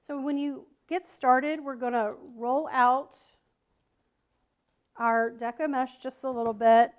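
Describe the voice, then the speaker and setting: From her home workspace, a wreath-making teacher and shop owner from South Carolina leads a live craft tutorial in a high-pitched voice with a Southern American accent. She's chatty and friendly, greeting viewers by name between steps, keeping a steady tone and an unhurried pace. Her voice comes through the camera mic.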